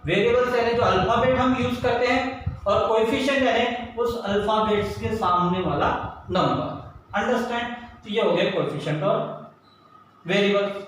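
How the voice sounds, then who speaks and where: A man teaching a maths lesson, slowly asking his class questions and answering them himself. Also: high-pitched, a bit bright. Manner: slow, stretches English terms, asks and answers own questions. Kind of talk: blackboard maths lesson, Hindi mixed with English. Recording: echoey room, mic far off, faint noise.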